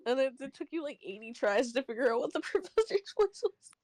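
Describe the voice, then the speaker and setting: A woman's voice: high voice, big pitch swings, fairly quick, darkish tone. A woman chatting casually about a game she voiced characters in, laid-back and laughing easily. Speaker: co-player and voice actor in the playthrough. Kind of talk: casual chat.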